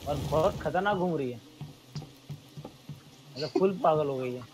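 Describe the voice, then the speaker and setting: A woman in a co-op horror game voice chat, making quiet, unhurried remarks to her teammates. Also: sits low. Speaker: gamer teammate.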